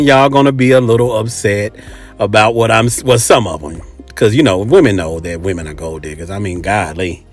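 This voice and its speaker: A man with a fairly low, slightly bright voice is recorded on a close microphone. He's an American host delivering a casual, opinionated monologue, blunt and emphatic, with swearing and repeated phrases.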